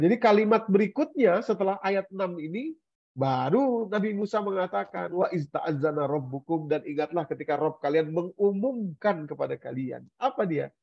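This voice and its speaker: A man giving an Islamic study sermon, speaking in an animated way and acting out the complaints of older people. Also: on the high side, no echo, muffled recording. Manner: animated, acts out complaints of the elderly. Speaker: Islamic preacher.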